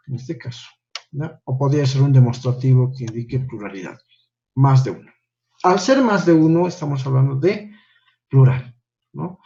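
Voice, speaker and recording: A man's voice: fairly high pitch, a little mellow. Patient man teaching, dull lo-fi sound. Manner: patient, repeats "¿no?" after each point. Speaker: English teacher. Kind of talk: online class correcting homework.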